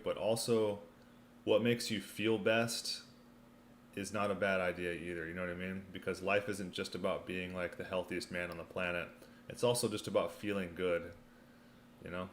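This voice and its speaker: A low-pitched man hosts a casual livestream, talking in a loose, slangy way as he eats, sometimes with his mouth full. There is some background noise around his voice. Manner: talks while eating, mouth sometimes full; laid-back slangy delivery, often saying "man" and "you know". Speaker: livestream host answering viewer questions.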